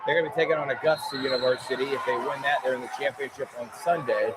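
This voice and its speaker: A man's voice: medium pitch, steady tone, fast talker. A man hosting a sports show with conversational commentary, leaning emphatically on key words. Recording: very noisy outdoor ambience.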